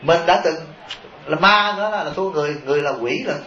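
A man's voice: fairly high pitch, fast talker, pushed and bright, slight background noise. A man, a Buddhist monk giving a humorous sermon, often chuckling and asking his listeners rhetorical questions. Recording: echoey, dull taped sermon recording.

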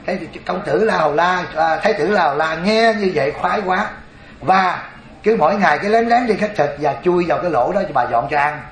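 A man, a Buddhist preacher telling a story in a lively sermon, asking his audience questions. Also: high voice, brisk, reverberant.

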